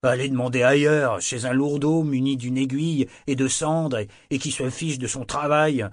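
A man's voice: mid-range voice, a little slow, no room sound, studio quality, natural voice. A man voicing an irritable, bitter small male tattoo artist who speaks harshly. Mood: furious. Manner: furious and harsh. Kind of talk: audiobook character voice.

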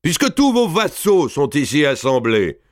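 A man voicing a furious young noble man who loudly and indignantly claims his inheritance before a king. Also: fairly high pitch, sing-song, unhurried, no echo, clean studio sound, voice pushed up. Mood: indignant, declaiming. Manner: loud, indignant declaiming.

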